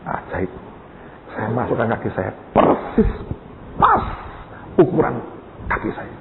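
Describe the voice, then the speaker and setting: A man's voice: medium pitch, slow pace, gravelly, very noisy. A man preaching a sermon, telling a story and acting out the voices of the people in it. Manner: lively storyteller acting out dialogue, addressing the congregation. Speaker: pastor. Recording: echoey hall, tinny phone-like sound.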